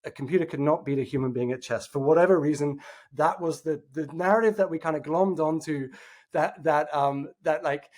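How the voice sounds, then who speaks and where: The speaker is a man, an innovation executive guesting on a podcast, whose fairly high voice is a little mellow and a little fast. Chatting casually with the interviewer, he thoughtfully and sincerely explains his views, restarting and using fillers often.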